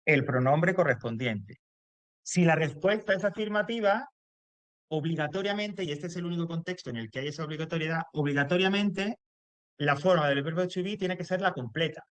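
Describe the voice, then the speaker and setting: A man's voice: fairly high pitch, animated, fairly quick, no room sound. A man teaching English grammar to a class, explaining step by step and checking in often.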